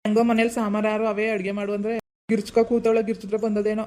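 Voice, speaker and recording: A man's voice: high-pitched, monotone, quick pace, darkish tone, natural voice. A voice actor playing a blunt, practical village husband in a cartoon who lectures and nags his wife. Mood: grumbling. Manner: nagging, lecturing. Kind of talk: Kannada cartoon voice acting.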